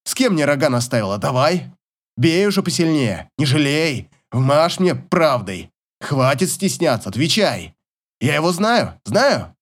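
A man voicing an angry, desperate husband who shouts, pleads and accuses. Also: on the high side, big pitch swings, unhurried. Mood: taunting.

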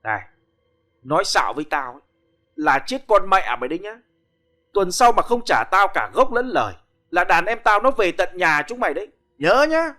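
A man's voice: sits high, big pitch swings, normal speed, bright, forceful tone, faint music behind, pitched above the performer's own voice, full character voice. A man voicing a menacing male loan shark who growls his threats. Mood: threatening.

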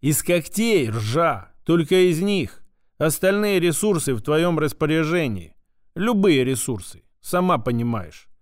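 A man's voice: fairly high pitch, very animated, measured pace, dry recording, clean studio sound. A man voicing a sly, unflappable male official who speaks in a mocking, familiar drawl. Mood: mocking, firm.

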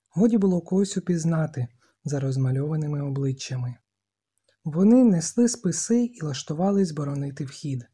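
An audiobook reader narrating a novel in a steady, measured way. The voice is mellow and warm with a slightly husky grain. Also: medium pitch. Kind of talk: scripted narration.

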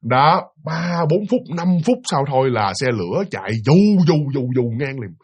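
A man narrating a ghost story in an animated, dramatic way, speaking directly to his listeners. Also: medium pitch, normal speed, breathy edge, highs cut off.

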